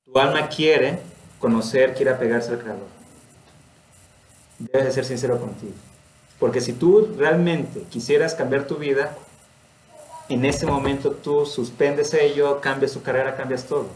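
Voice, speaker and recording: A man with a Mexican accent gives an informal spiritual lesson in an earnest, personal way, laughing often. His voice sits at a middle pitch. The recording has a roomy echo around it. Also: fairly even intonation, unhurried, pauses often. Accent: Mexican Spanish. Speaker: religious study teacher.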